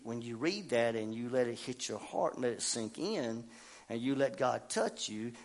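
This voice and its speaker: An older man preaching a sermon in a folksy, animated way, dropping low and quiet, then rising to loud calls.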